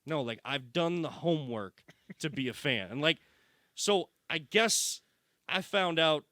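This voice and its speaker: He is a man in his thirties with a bright voice, and he speaks earnestly in long explanations. His voice is dry and close to the mic. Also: on the high side, expressive, measured pace, no room sound. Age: 30s. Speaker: guest podcaster. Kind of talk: casual podcast chat.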